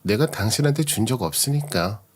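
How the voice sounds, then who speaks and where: A man's voice: mid-range voice, expressive, brisk, husky. A man voicing a betrayed young wife who confronts her husband with cold sarcasm. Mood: scornful.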